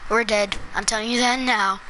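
Excitable high-voiced gamer chatting. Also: female voice, normal speed. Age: child. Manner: excitable, yelps when in danger. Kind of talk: casual gaming chat. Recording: noisy game audio behind.

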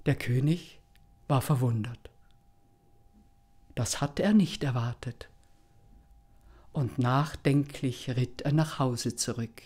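A woman telling a folk tale aloud in a deliberate, dramatic way with pauses. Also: a bass voice, a little mellow, breathy edge. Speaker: storyteller.

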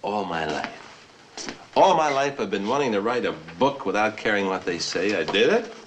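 Actor playing a boisterous, tipsy novelist. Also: male voice, fairly low pitch, animated, moderate pace, close to an everyday voice. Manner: exuberant, laughing, rambling. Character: tipsy, boisterous middle-aged novelist, lonely underneath. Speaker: writer. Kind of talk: 1960s film acting. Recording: old film soundtrack, faint hiss.

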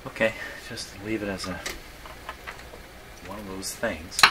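A radio repair hobbyist and host speaks a little slowly in a lowish, steady voice, narrating his work in an indoor electronics workshop. His casual thinking aloud is musing and wryly self-deprecating. Workshop background noise is audible in the clear recording.

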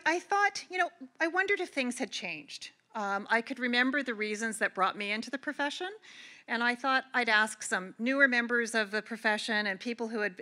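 Her voice sits fairly high, bright and forceful, as the middle-aged Canadian keynote speaker addresses a large convention hall. She talks in an earnest, conversational way and keeps restarting her phrases.

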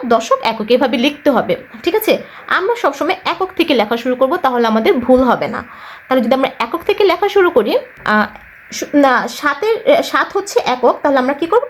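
High-voiced woman teaching a patient lesson. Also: slight background noise. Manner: patient, repeats each step, asks questions then answers them. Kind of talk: step-by-step math lesson for children.

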